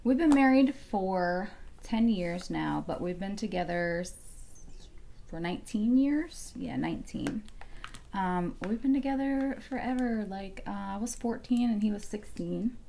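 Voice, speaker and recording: A woman's voice: medium pitch, lively intonation, unhurried, gravelly, dark tone, slight background noise. A woman in her thirties chatting casually through a makeup tutorial at home, rambling and thinking aloud with lots of fillers. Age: 30s. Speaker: beauty vlogger.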